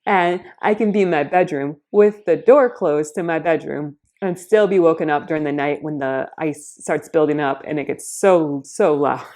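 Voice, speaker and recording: Female vlogger, slightly low voice, earnest casual narration that explains things step by step. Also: normal speed, hardly any pauses, darkish tone.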